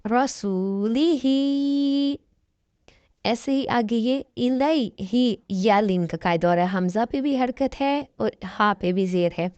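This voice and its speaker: A woman teaching Quran recitation with an Urdu accent, patiently explaining rules and sounding out each syllable slowly. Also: medium pitch, darkish tone, no echo, highs cut off. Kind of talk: slow spelled-out lesson with drawn-out syllables.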